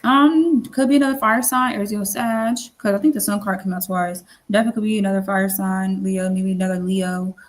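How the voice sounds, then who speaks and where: A woman's voice: medium pitch, fairly even intonation, brisk, few pauses. A woman giving a casual tarot reading, rambling and repeating herself, with lots of fillers and the odd casual swear. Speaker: tarot reader.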